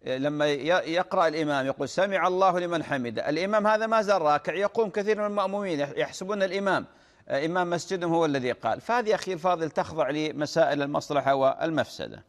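A man's voice: on the high side, rapid-fire, big-room sound. A man answering listeners' religious questions on a Q&A program. He explains patiently, repeats phrases and calls the questioner "my dear brother,".

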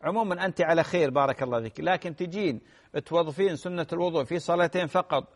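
A man, a sheikh answering listeners' religious questions in a gentle advisory way. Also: a little high, racing, long reverb tail. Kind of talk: radio religious Q&A.

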